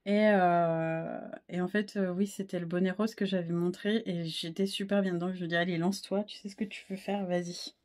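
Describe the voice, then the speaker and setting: Thirty-something woman, slightly hoarse, rambling knitting vlog chat, keeps losing her thread and laughing it off. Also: fairly low pitch, fairly even intonation, normal speed, a little mellow. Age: 30s. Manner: scattered, self-deprecating, many fillers and restarts. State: a bit hoarse, frog in the throat. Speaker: wool dyer and knitting podcaster.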